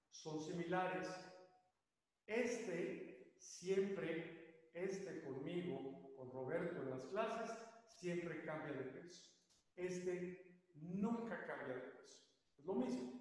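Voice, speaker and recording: An older man teaches tap dance, explaining each step slowly and repeating the step names to demonstrate. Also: fairly high pitch. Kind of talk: spoken dance lesson. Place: dance studio. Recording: very echoey studio, long reverb.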